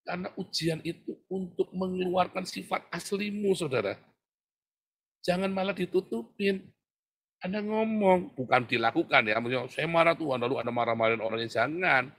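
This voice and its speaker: Pengkhotbah pria bersuara serak, bergairah. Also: male voice, on the high side, normal speed. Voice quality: husky. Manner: animated, swings from hushed prayer to loud exhortation; laughs often, addresses congregation as "Saudara". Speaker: preacher. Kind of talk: sermon.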